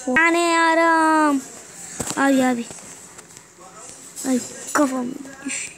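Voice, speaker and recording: A young woman streaming a game from her bedroom, excitable, with frustrated muttering and mild swearing. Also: high voice, takes it slowly. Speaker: gaming channel host. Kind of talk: casual gameplay commentary. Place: bedroom at home.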